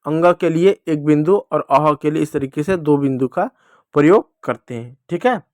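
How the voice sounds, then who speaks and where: A man with a slightly raised voice teaches children letter by letter, drawing out each sound slowly and repeating his own questions to them. The recording is dry and close, with no room echo. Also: on the high side. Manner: slow, drawn-out sounding of letters. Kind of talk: children's reading lesson.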